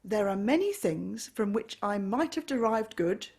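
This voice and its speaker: A woman voicing a cheerful, warm-hearted young man who speaks brightly and pleads gently. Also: mid-range voice, lively intonation, a little slow, pitched above the performer's own voice.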